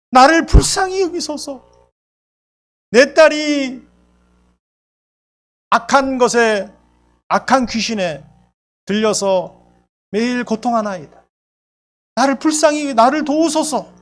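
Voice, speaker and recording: A man's voice: very high voice, moderate pace, voice pushed up. A man acting out a desperate pleading mother. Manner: crying out, pleading.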